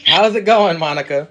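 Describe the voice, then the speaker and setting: Podcast host guy, kinda high voice, laughs a lot, pokes fun at himself. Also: bright, forceful tone, muffled recording. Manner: upbeat, laughs easily, self-mocking. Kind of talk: casual podcast interview.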